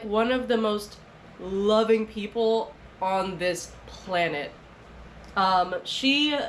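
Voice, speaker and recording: Young woman, casual vlog chat, unhurried pace, rambling with lots of fillers, faint background noise. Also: mid-range voice, a bit bright, low-quality recording. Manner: rambling, chatty, with many "like" and "dude" fillers. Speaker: vlogger. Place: at home.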